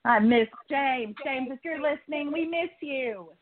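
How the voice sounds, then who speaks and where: A woman's voice: high-pitched, measured pace. A woman co-host chatting casually, agreeable and upbeat, over a phone line. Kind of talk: casual chat.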